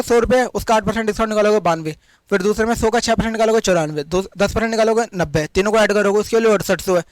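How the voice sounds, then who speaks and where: A man teaching an exam-prep maths lesson, working quickly through sums step by step and speaking straight to his students. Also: high voice, dry recording.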